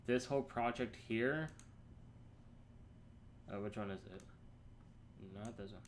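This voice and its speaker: A young man casually thinking aloud and answering chat on a live coding stream, halting and rambling as he works. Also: lowish voice, a little hiss or hum. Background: keyboard typing.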